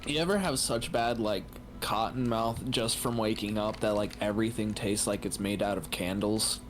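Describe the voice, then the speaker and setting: A man in his thirties who has just woken from a nap, sounding drowsy and groggy. His voice sits fairly low. He makes crude jokes in relaxed, casual chat. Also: normal speed, a little hiss or hum. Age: 30s.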